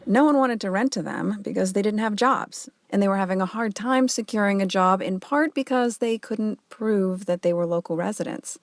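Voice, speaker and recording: A woman's voice: mid-range voice, normal speed, few pauses, no room sound, studio quality. A woman reading scripted narration for a radio documentary.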